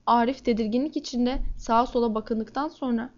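A woman reading a first-person crime novel aloud in a steady, measured way. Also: a little high, dull audio. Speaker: audiobook narrator.

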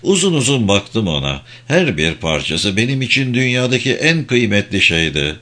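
A man with a voice on the low side narrates a novel as an audiobook, telling the story in a measured, expressive way.

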